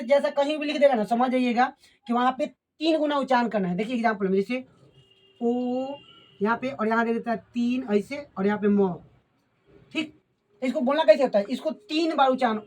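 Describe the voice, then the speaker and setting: A woman teaching a grammar lesson. She asks questions and answers them herself, and she repeats key terms slowly. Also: high-pitched, a little mellow.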